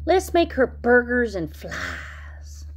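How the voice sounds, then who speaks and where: Storybook young boy frog, excitable and exclaiming, slow and high, voiced by a woman. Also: a little hiss or hum. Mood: excited. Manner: exclamatory, bouncy.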